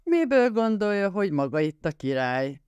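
A man voicing a drunk, violent, jealous husband who snarls and yells his threats, raised and loud against his own reading voice. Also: sits high, big pitch swings, clean tone, no echo, lo-fi sound, pitched above the performer's own voice. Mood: menacing. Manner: snarling, yelling, slurring threats.

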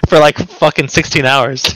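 A man's voice: on the high side, pushed and bright, dry recording, poor audio. A young man in a casual chat who swears a lot and laughs through his stories.

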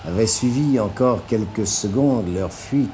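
A man telling a frightening story on television in a theatrical way, dropping to hushed tones and rising to cries. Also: lowish voice, unhurried, slight background noise. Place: television studio set of a haunted castle.

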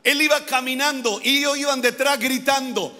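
A male pastor, preaching a fervent sermon that keeps repeating and building to shouts. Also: extremely high pitch, fairly even intonation, normal speed, in a large hall. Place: church.

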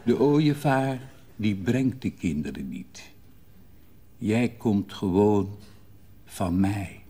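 A calm, gloomy mother who speaks quietly and frankly to her child, as an older man reads her. The voice is dark and husky and moves unhurriedly. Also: lowish voice, very slow, exaggerated voice. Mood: soothing.

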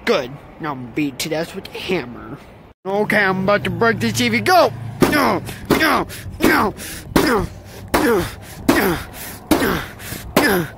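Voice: mid-range voice, sing-song, fast talker, very noisy. A performer voicing a whiny, mischievous kid who frets and panics easily. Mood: grumbling. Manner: whiny, fretful. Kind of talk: fan puppet video acting.

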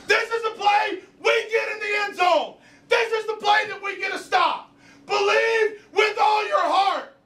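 A middle-aged man, a football coach, shouting a pregame pep speech with emphatic, repetitive phrasing. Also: very high voice, steady tone, unhurried, a faint crowd. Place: indoor locker room with team. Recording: echoey locker room, distant camera mic.

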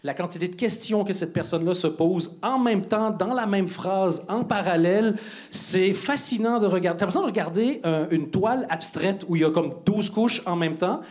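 A man's voice: high voice, moderate pace. A man hosting a stand-up comedy night on a club stage, teasing the audience playfully between introductions.

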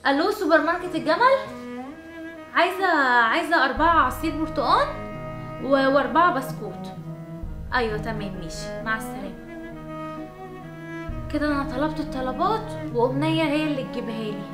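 A woman's voice: high-pitched, expressive, fairly quick, long pauses. A woman playing an emphatic young Egyptian employer in a skit, with an Egyptian accent. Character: stern but soft-hearted female employer, young adult. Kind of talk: amateur skit acting. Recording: roomy echo with music underneath.

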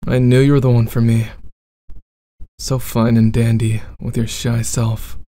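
Man playing a slow, mellow bad-boy boyfriend. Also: mid-range voice, level tone, lightly acted. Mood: possessive, protective. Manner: intimate, slow, demanding. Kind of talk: ASMR boyfriend role-play, addressed to listener.

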